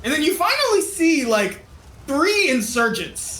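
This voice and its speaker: Bright-voiced man game master. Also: very high voice, a little slow. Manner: animated storytelling. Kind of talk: narrating a tabletop game. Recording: echoey room.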